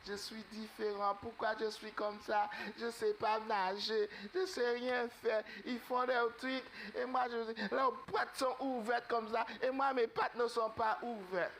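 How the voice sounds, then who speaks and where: A man's voice: very high-pitched, flat delivery, a little slow, few pauses, a bit bright, a little hiss or hum, voice pushed up, full character voice. A man voicing a sad young outcast duckling who feels different from the others. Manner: plaintive, complaining.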